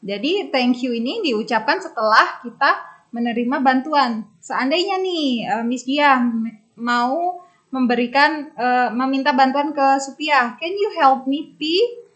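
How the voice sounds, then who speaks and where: A woman English teacher, explaining phrases in class and repeating them slowly for drilling. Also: high-pitched, a bit bright, lo-fi sound. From Indonesia.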